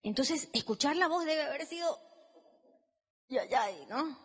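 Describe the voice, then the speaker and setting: A woman's voice: high-pitched, lively intonation, a little slow, a bit bright. A woman preacher giving an emphatic, dramatic sermon in a church hall, acting out biblical dialogue. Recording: long reverb in a large hall.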